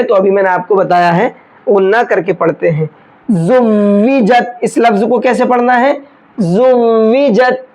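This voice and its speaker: A woman teaching Quran tajweed step by step, patiently explaining letters and chanting verses slowly. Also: medium pitch, a little mellow, rough recording. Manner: slow, patient explanations with drawn-out chanted recitation. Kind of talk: step-by-step recitation lesson.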